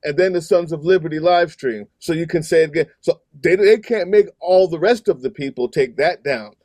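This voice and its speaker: A man's voice: on the high side, brisk, darkish tone, no echo. A man hosting a podcast in casual chat, rambling with fillers and restarts. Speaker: podcast host.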